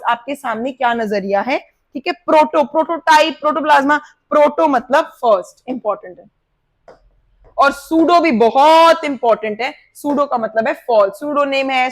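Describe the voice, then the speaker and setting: A woman teaching a vocabulary lesson, addressing her students directly and checking that they keep up. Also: high-pitched.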